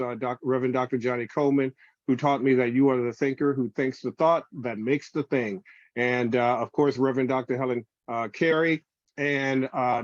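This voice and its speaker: This man is a reverend delivering a spiritual lecture on a video call, treating his online listeners as family, captured in a screen recording. His medium-pitched voice has a darkish tone, and the dull, dry call audio has no room sound.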